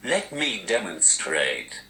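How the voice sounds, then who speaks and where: A man's voice: low-pitched, big pitch swings, slow, bright, forceful tone, reverberant, low-quality recording. A man, a stand-up comedian, answering interview questions through a text-to-speech device whose voice sounds posh and robotic, with a dry, self-mocking delivery. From Newcastle, England.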